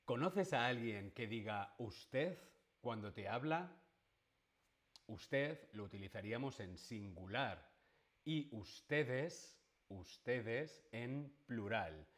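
This is a man from giving an online lesson. His voice sits at an ordinary mid pitch, and he speaks. He moves slowly and patiently, stopping often to ask his viewers questions. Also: lively intonation, a bit bright. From Spain. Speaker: Spanish teacher.

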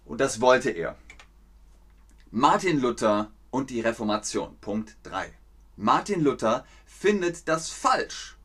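A male teacher explains history to learners at an unhurried pace. His pitch leaps around expressively, and he acts out scenes with sound effects and repeats key phrases. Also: a bit bright. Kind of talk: slow, playful explanation for learners.

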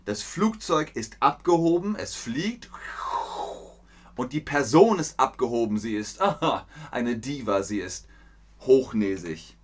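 A man runs an idiom lesson at a slow, unhurried pace, repeating every phrase so it sinks in. His voice sits in a middle register. He keeps it playful, slipping into little acted-out scenes. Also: medium pitch, lively intonation. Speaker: German teacher. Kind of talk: language lesson explaining idioms.

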